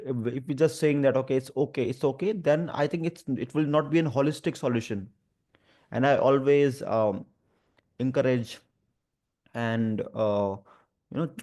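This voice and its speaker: With a medium-pitched, darkish voice, an Indian man shares personal experience in a conversational way. A stammer brings repeated sounds and blocks, and he speaks earnestly, in a hesitant, halting manner.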